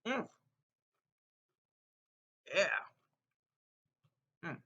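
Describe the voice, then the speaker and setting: A man draws out his words in a sharp tone as he hosts a casual taste-test vlog, eating crunchy chips between remarks and playfully announcing his verdicts to viewers. The recording is lo-fi, with a dull, muffled quality.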